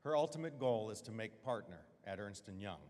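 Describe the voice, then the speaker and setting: A man's voice: lowish voice, animated, a little fast, darkish tone. A man presenting an award, steadily reading a scripted introduction of the winner's achievements in a large hall. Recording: long hall reverb.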